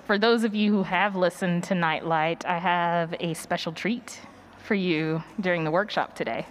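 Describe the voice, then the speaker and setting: A woman with a lowish voice, speaking at a moderate pace, chats casually and playfully with her audience from a stage before her workshop at a live conference session. Noticeable background noise and live event ambience surround her.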